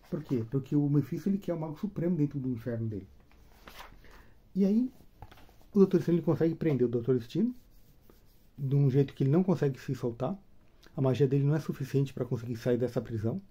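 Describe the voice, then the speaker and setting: A man casually retelling a comic book story, chatty and animated, tagging his sentences with questions. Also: fairly high pitch, husky.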